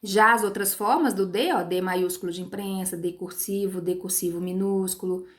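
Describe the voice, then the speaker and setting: A woman's voice: mid-range voice, moderate pace. Patient woman teacher, stretching syllables. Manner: frequent tag questions to pupils. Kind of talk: recorded online lesson.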